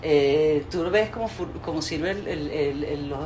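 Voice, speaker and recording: A woman's voice: low-pitched, unhurried, a little mellow. A woman hosting an interview, effusive and opinionated, talking in long flowing sentences. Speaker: interviewer host. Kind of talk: casual interview chat. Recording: echoey room with faint ambient noise.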